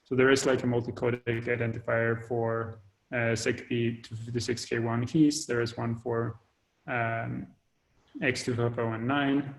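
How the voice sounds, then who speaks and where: Flat-voiced man with a halting delivery. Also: mid-range voice, gravelly, poor audio. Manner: hesitant, many fillers and restarts. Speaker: developer giving an update. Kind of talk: casual technical update on a video call. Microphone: video call. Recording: call audio breaking up.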